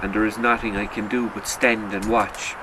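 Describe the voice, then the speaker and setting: An author reads one of his own literary short stories with his fairly low voice, keeping a sombre, measured pace and very little pitch movement. Distinct background sound resembling the outdoors can be heard throughout.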